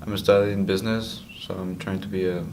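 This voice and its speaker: A man's voice: deep voice, little pitch movement, fairly quick, noisy background. A young man from Bolivia, a business student answering interview questions casually, with "like" and "you know". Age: young adult.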